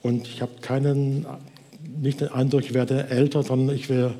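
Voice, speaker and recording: A man preacher giving an earnest, exhorting sermon to a congregation, slowing down to stress key words. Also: mid-range voice, flat delivery, warm tone. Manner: earnest, exhorting, slows for emphasis. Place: church hall. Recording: long reverb of a hall.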